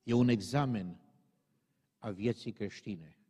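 A man's voice: on the low side, warm tone, slightly rough. Preaching man in an echoing hall. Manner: emphatic, rising to stern exhortation. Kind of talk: sermon. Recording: long reverb of a large hall.

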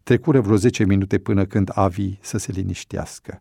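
A man narrating a novel as an audiobook, in a measured, unhurried storytelling manner. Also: deep voice, steady tone, gravelly, mellow, husky, no echo, clean studio sound.

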